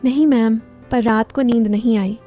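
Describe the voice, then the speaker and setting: A shy young man, bashful and hesitant, talking a little high for a man, voiced by a woman telling the story. The tone is soft and mellow, with faint music underneath. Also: steady tone, normal speed, close to an everyday voice.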